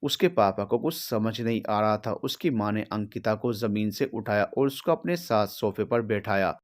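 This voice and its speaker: A male storyteller narrating an emotional family story in a steady, feeling delivery. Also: on the low side, normal speed.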